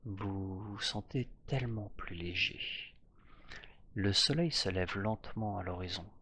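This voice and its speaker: A man narrating a guided hypnosis journey in a soft, slow voice that drifts into whispers. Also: low voice, breathy edge.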